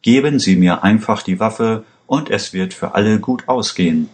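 A man reading a calm, menacing corrupt cop. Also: on the low side, moderate pace, lightly acted. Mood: calmly threatening. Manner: calm, steady, commanding. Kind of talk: read-aloud story voice.

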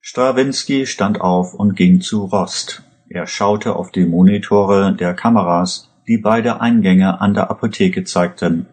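A man reading a story as an audiobook narrator in an even, measured way. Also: deep voice.

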